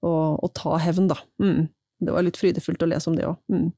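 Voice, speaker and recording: Woman guest in a library interview, chatty, mellow, dry sound, lots of fillers. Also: on the low side, flat delivery, dry recording. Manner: chatty, laughs often, many fillers. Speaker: guest, author and government minister. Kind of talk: casual interview talk.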